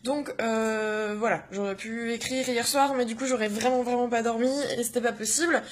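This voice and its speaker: A young woman short on sleep giving an energetic morning vlog pep talk, full of hesitations and bursts of cheering. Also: a little high, normal speed. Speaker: vlogger.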